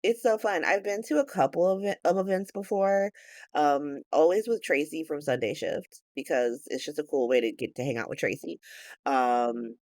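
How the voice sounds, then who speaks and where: A woman in her late thirties hosting a podcast, chatting casually in a rambling, animated way that is full of swearing and laughs, and sounding tired. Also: low-pitched, moderate pace, no echo. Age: 30s. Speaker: podcast host. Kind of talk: casual chat recap.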